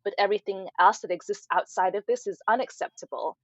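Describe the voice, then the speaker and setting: A woman from Nigeria, a podcast guest, explaining history in an earnest, measured way. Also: medium pitch, no room sound, lo-fi sound. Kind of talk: conversational podcast interview.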